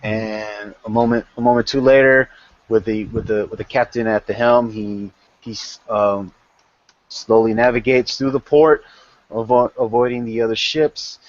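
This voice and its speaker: A man's voice: mid-range voice, steady tone, normal speed, muffled recording. A man narrating a tabletop game as game master, rambling with many restarts.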